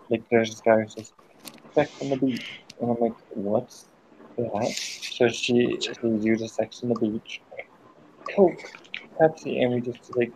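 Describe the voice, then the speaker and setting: A man's voice: mid-range voice, a little mellow, slight background noise. A man telling a long, rambling, profane story in a casual group voice chat, breaking off now and then to snap at friends who interrupt him. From United States. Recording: dull lo-fi voice chat audio.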